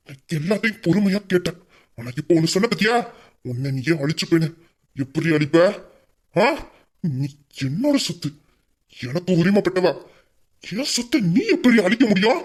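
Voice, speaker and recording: A possessive, brooding young hero of an audio romance drama, voiced by a woman. He talks with heavy intensity, sinking into a low, slow menace when he threatens, at a middling pitch. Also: slightly rough. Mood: angry. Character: possessive young man who calls himself king.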